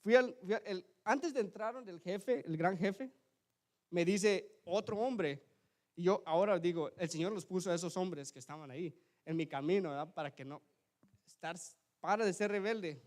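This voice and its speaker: A man preaching a sermon in a church, telling a personal story in a conversational way, often asking the brethren to agree and swinging from loud emphasis to quiet asides. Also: high voice, normal speed. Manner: conversational, keeps asking ¿verdad? and addressing the brethren.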